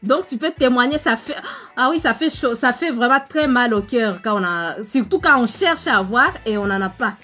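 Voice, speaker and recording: A woman's voice: on the high side, normal speed. A woman with an African French accent, hosting a live stream as a relationship coach, chatting with viewers and telling a story. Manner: chatty, animated, addresses viewers directly, many fillers.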